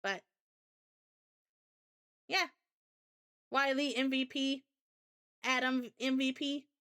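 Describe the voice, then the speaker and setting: A woman with a high, bright voice tells a rambling story in a loose, chatty way. She talks to her stream viewers casually, as if catching up with friends. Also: fairly even intonation, takes it slowly, clean tone. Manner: rambling, chatty anecdote telling. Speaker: VTuber streamer.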